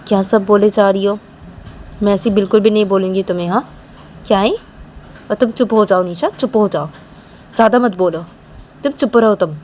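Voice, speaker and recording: A woman's voice: normal speed, pauses often, darkish tone, slight background noise, lightly acted. A woman voicing an exasperated young woman who keeps complaining, asking the same questions again and again, in an amateur audio story. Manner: exasperated, repeats complaints, high and insistent. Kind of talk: amateur storytelling with voiced dialogue.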